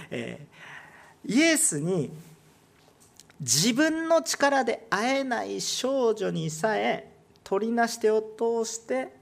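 A male pastor with a Kansai accent preaching a sermon, swinging between loud emphatic lines and hushed ones and putting rhetorical questions to the congregation. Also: fairly high pitch, creaky, slightly rough. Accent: Kansai Japanese.

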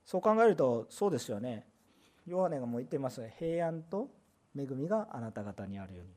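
A pastor preaching a sermon in an emphatic way, with loud bursts and rhetorical questions. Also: medium pitch, very animated, fairly quick.

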